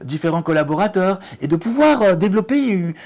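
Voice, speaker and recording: A middle-aged man, a test-prep director and author, explaining exam strategy in an interview with frequent restarts and lively emphasis. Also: sits high, brisk.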